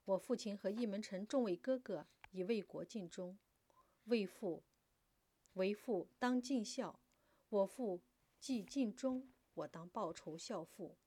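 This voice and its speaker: A woman voicing a fiery, defiant young daughter who declaims loudly and passionately. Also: medium pitch, measured pace, no room sound, natural voice. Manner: impassioned, loud declaiming.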